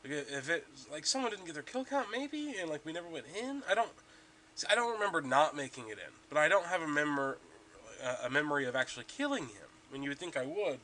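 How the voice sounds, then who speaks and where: A man's voice: a little high, big pitch swings, quick pace, pushed and bright, a little hiss or hum. A young man rambling casually about his gaming progress as a podcast host, stuffy from allergies, with lots of ums and restarts.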